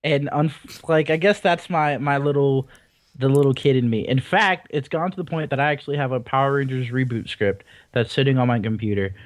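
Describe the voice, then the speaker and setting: A man's voice: mid-range voice, fairly quick, no echo. A man co-hosting a casual gaming podcast, rambling and swearing casually with self-deprecating jokes. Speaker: podcast co-host. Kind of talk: casual chat.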